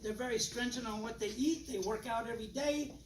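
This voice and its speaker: A man giving a live product demonstration to an audience, folksy and animated, acting out little dialogues with changing voices. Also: extremely high pitch, a little fast. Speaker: presenter demonstrating water machines. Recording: echoey room, distant mic, loud background noise.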